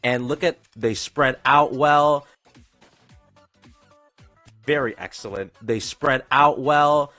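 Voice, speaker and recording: Man in a pitched-up, halting voice. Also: pushed and bright, no echo. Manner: halting, repeats phrases and stumbles over words. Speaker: streamer. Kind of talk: tier-list video narration. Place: pre-recorded video played on stream. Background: faint background music.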